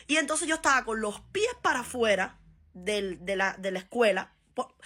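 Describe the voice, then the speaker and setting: A Cuban woman vlogger telling a funny personal story in a lively, animated way, laughing and acting out voices. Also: fairly high pitch. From Cuba. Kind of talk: casual storytime.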